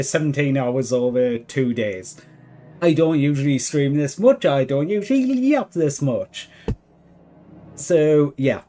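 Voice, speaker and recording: Chatting casually during a gaming livestream, a man pokes fun at himself in a mellow voice that sits on the high side.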